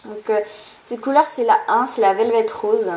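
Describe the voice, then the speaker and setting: A woman's voice: fairly high pitch, moderate pace, a little mellow, rough recording. A young woman chatting through a beauty haul in a casual vlog, rambling with lots of fillers and restarts. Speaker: beauty vlogger.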